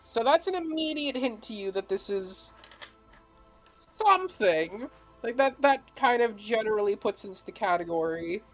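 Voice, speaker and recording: A woman's voice: fairly high pitch, lively intonation, normal speed, soft background music, rough recording. A woman running a tabletop role-playing game, thinking aloud and rephrasing as she describes things. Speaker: game master.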